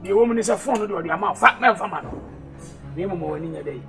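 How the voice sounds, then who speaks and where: A woman's voice: lowish voice, expressive, racing, gravelly. A Ghanaian woman in a comedy skit, playing a mother who lectures and scolds. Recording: faint music playing behind.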